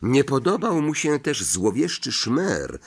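A man narrating an audiobook, reading slowly and expressively with dramatic inflection. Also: mid-range voice, huge pitch swings, husky. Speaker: audiobook reader.

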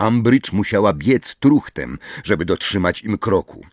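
A man reading an audiobook in measured, expressive scripted narration. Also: fairly low pitch, no echo, studio quality.

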